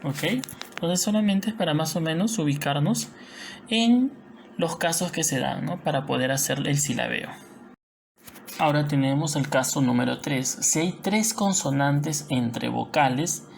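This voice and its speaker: In this recorded lesson, a Peruvian Spanish woman explains things patiently and step by step, her low, gravelly voice moving at a measured pace. She frequently adds tag questions to make sure the class keeps up, and a slight hiss lies under the audio.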